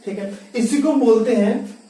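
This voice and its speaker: Heard from a distance in a room full of echo, a man with a very high, mellow voice teaches physics at an unhurried pace. He quizzes his audience and supplies the answers himself, returns again and again to key terms, and mixes in English.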